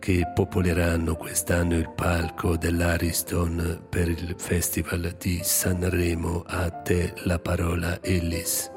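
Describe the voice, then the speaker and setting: A male radio announcer with a very low voice reads in a formal, scripted way. His intonation stays extremely flat. Music is clearly audible underneath. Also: slow pace, hardly any pauses. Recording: music behind the voice.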